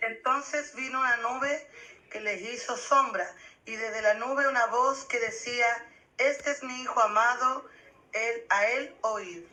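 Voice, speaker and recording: A woman in a Bible class reading a scripture passage aloud slowly and carefully, heard from a distance. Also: a little high, pushed and bright.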